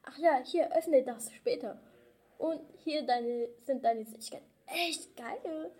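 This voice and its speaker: A woman's voice: sits high, takes it slowly, warm tone. A young speaker voicing a mother who fusses fondly over her daughter in a read-aloud story. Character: warm, fussing mother of a girl.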